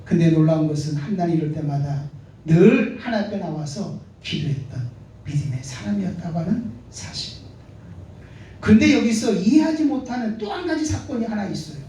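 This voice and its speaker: A man's voice: a little high, warm tone. A male pastor preaching a sermon, asking the congregation rhetorical questions and pressing his points. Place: church sanctuary. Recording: echoey church hall from far off.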